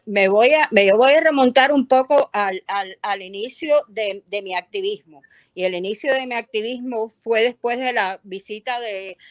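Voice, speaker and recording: A woman's voice: a little high, dry recording. An older woman from Cuba, speaking earnestly and with conviction as an interview guest on a video call. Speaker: activist guest.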